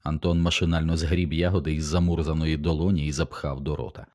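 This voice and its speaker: A man narrating an audiobook in a steady, measured way. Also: very deep voice.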